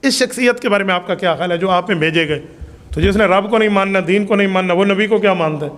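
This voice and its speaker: High-voiced male preacher in a hall. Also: fairly bright tone. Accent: Pakistani Urdu. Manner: recites Arabic hadith then explains in Urdu, rising emphatic delivery. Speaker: Islamic preacher. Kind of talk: religious sermon.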